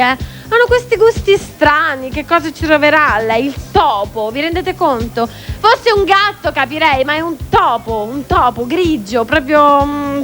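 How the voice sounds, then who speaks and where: A woman's voice: sits high, fairly bright tone. A woman hosting a TV variety show in a studio, chatting in a teasing, playful way with a costumed guest.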